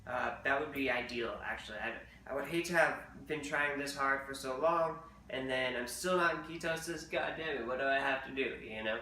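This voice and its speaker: Chatty man vlogging, bright and roomy. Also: mid-range voice, moderate pace, few pauses, far from the mic, a little hiss or hum. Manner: rambling, chatty, fillers and restarts. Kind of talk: casual diet update vlog. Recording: roomy, off-mic with faint ambience.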